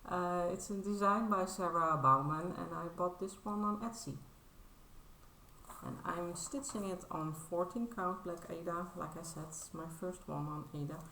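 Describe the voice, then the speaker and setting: A Dutch crafting vlogger in her thirties speaks casual English in a show-and-tell video, her fairly low voice creaky, pushed and bright at a normal speed. She's hesitant, modest and apologetic, with many fillers and restarts. The audio is poor: echoey room, slight background noise.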